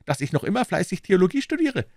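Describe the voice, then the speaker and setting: A man reading aloud and voicing a sly, witty young male musketeer, patient and soft-spoken. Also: sits high, sing-song, fast, dry recording, clean studio sound, voice pushed up, heavily acted.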